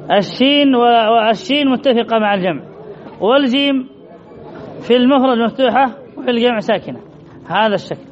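A man teaching an Arabic grammar lesson, reading a text and explaining it slowly and methodically, asking questions and answering them himself. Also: extremely high pitch. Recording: dull lo-fi class recording with faint noise.

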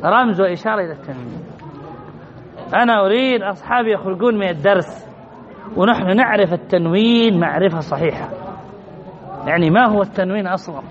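A man's voice: high-pitched, lively intonation, fast talker, long pauses, lo-fi sound, some chatter behind. A man teaching an Arabic grammar lesson, stressing and repeating key points and quizzing his students as he goes. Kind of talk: classroom lesson.

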